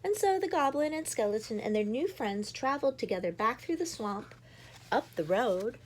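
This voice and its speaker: A mother in her thirties reads a children's picture book aloud, tossing in playful asides for her young listeners. Her voice sits on the high side and is expressive, moving at a moderate pace. A faint hiss or hum runs under the recording.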